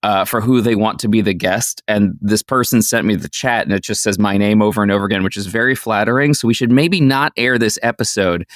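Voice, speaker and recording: A man's voice: fairly low pitch, a little fast, hardly any pauses, no room sound, clean studio sound. Joking male podcast co-host. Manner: jokey, puts on silly voices. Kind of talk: casual chat.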